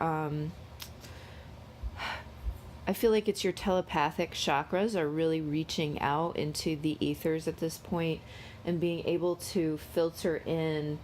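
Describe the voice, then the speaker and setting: Casting: woman, casual tarot vlogger, low-pitched, unhurried and halting, low energy, under the weather with a cold. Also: darkish tone, a little hiss or hum. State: unwell, coming down with a cold. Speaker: host of a daily tarot reading. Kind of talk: casual spiritual vlog talk.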